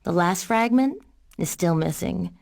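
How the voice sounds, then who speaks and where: A woman's voice: fairly low pitch, lively intonation, a little slow, gravelly, a little mellow. An actress playing a teasing young female cat burglar turned agent, playful and confident, with an American accent, in a video game. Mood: brisk briefing. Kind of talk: video game cutscene acting.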